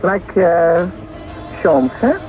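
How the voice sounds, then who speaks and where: A woman's voice: lowish voice, animated, extremely slow, warm tone, faint music behind, poor audio. A woman informally interviewing schoolchildren, encouraging them with frequent short interjections.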